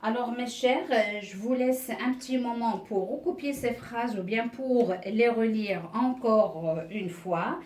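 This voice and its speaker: Casting note: woman teacher, higher voice, slow patient explaining, heard from a distance in an echoey room. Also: a little mellow, a little hiss or hum. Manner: slow, patient explaining with many "euh" and "regardez". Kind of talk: beginner French reading lesson.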